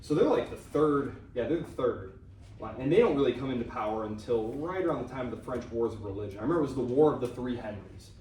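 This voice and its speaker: A man's voice: mid-range voice, expressive, quick pace, a little mellow, a little hiss or hum. A man giving a casual classroom lecture on history, chatty and informal, full of fillers and asides. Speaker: history instructor. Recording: very echoey room recorded from a distance.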